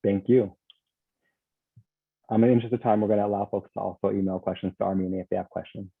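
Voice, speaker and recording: A man chairing a public meeting over a video call, speaking in a halting way with many fillers. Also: on the low side, fairly even intonation, vocal fry, husky, no room sound, phone-quality sound. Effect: heard over a video call. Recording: thin video-call audio.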